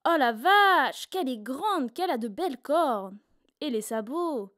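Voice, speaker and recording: A woman reads a children's tale aloud, her voice high and full of lively, animated swings. Her delivery is playful, close and dry. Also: a little slow, dry recording. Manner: expressive, playful narration. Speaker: storyteller. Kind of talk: storybook read-aloud for children.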